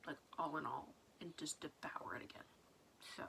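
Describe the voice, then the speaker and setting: A woman's voice: low-pitched, moderate pace, vocal fry, pushed and bright. A woman vlogging casually, rambling through questions in a chatty way with many half-whispered asides. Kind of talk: casual video diary chat.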